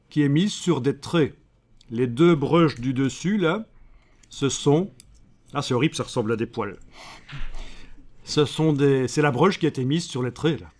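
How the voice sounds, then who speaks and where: A man with a Belgian French accent teaches a live software class, punctuating the steps with joking asides to his students. His voice is fairly high in pitch, expressive, and unhurried.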